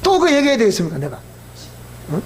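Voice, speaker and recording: A middle-aged male pastor with a Gyeongsang Korean accent, preaching in a folksy, animated storytelling manner. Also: extremely high pitch, quick pace, slight background noise. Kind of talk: sermon.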